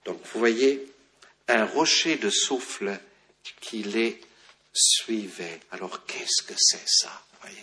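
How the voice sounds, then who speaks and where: A man's voice: lowish voice, slow pace, sharp tone. A man giving a lecture on the Bible, reading passages aloud and explaining them with many fillers and restarts.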